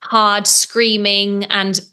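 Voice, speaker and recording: A woman's voice: medium pitch, little pitch movement, extremely slow, pushed and bright, smooth. A young adult woman, a metal singer, chatting enthusiastically in an interview, with plenty of ums and restarts. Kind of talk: casual interview chat.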